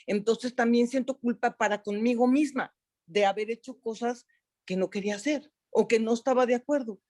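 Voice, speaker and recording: A woman, a mother, reflecting in a measured way during an online group session over a video call. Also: on the high side, darkish tone. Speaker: workshop participant.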